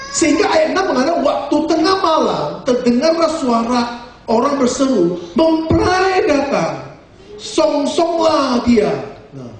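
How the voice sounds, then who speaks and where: A male pastor giving a lively, joking sermon full of rhetorical questions. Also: sits high, heavy reverb, distant mic, a little hiss or hum. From Indonesia.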